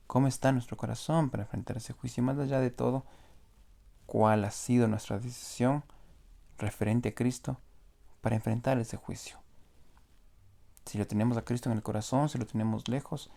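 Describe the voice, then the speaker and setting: A man teaches scripture in a sermon, walking through each verse and checking in with rhetorical questions. His voice is heavily gravelly and mellow in tone, at an ordinary male pitch. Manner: explanatory, asks rhetorical "¿no?" often. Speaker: preacher.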